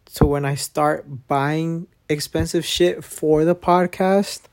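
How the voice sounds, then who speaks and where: A man's voice: on the high side, fairly even intonation, slow pace. A man hosting a podcast, recording on his phone under a blanket, talking in a rambling, frustrated way and swearing often. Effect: muffled, recorded under a blanket. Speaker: podcast host. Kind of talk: casual solo podcast chat.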